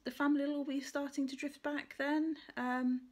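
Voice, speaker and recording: Female craft vlogger, fairly high voice, informal and meandering, self-correcting as she goes. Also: level tone, moderate pace. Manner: rambling, thinking aloud, self-correcting. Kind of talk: casual chat to camera about stitching.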